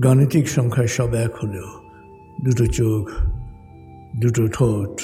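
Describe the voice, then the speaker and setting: A man leading a guided meditation in slow, soothing, measured instructions with pauses. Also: mid-range voice, steady tone, dark tone. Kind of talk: guided meditation, hypnotic countdown. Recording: long hall reverb over music. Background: music.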